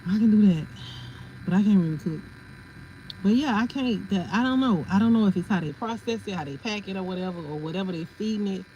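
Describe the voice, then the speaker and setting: Woman host, mellow easygoing chat with viewers, dull lo-fi stream with faint hum in the background. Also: medium pitch, fairly quick. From family from South Carolina. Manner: chatty, laughs often, answers viewer comments. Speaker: livestream host. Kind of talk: casual livestream chat.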